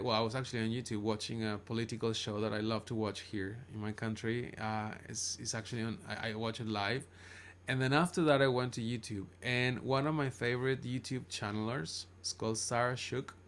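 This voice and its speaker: A man's voice: mid-range voice, fairly bright tone, slight background noise. A man from Chile with a Chilean accent, a native Spanish speaker, talking casually and unscripted as a live streamer, rambling and often backtracking to correct himself. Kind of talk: casual unscripted livestream monologue in English.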